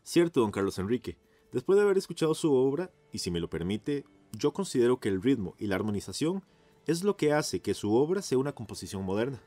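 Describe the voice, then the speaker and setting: In a radio theatre piece, a man plays a courteous, enthusiastic 1950s radio journalist with a Costa Rican accent, sounding admiring and effusively polite in a formal, announcer-like manner. His mid-range voice is mellow and sing-song, his pace brisk. The recording is dry, with soft background music.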